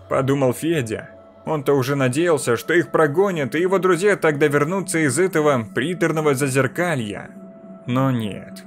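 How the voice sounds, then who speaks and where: A man reading a scary story aloud as a scripted narration in a measured, even way. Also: fairly high pitch. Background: faint music.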